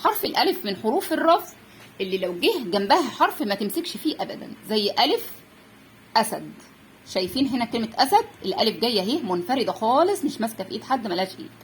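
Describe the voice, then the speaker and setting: A young woman with an Egyptian Arabic accent teaches the Arabic letters to parents. Her voice sits high and swings widely, and she draws out each letter sound clearly. A faint hiss runs under the recording. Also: very animated. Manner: clear, drawn-out letter sounds with frequent check-ins. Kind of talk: Arabic alphabet lesson for parents.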